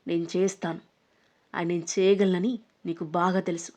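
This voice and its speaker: A woman voicing an arrogant, threatening young man in an audio story, speaking low and mocking. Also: steady tone, normal speed, a little mellow. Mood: menacing. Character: menacing arrogant young man, a rich bully. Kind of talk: storybook narration.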